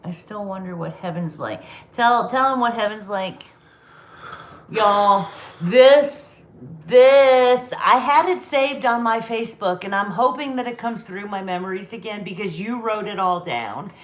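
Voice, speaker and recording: A woman's voice: mid-range voice, normal speed, a bit bright. Teasing tipsy woman in an echoey room. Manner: teasing, laughs often, tipsy. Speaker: podcast co-host. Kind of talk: casual late-night chat about faith.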